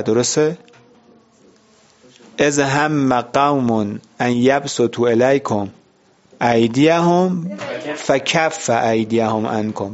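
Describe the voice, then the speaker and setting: A man's voice: mid-range voice, darkish tone, muffled recording. A man teaching a vocabulary lesson, explaining words one by one and asking and answering his own questions.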